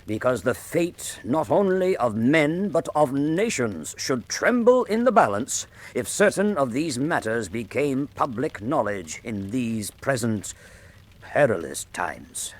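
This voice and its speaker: A genial old soldier and doctor of the Victorian era in a radio drama. His medium-pitched voice moves widely as he speaks in formal, measured phrases, like a gentleman setting down his memoirs. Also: very animated. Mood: reflective, grave. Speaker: narrator and character. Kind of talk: radio drama narration and dialogue.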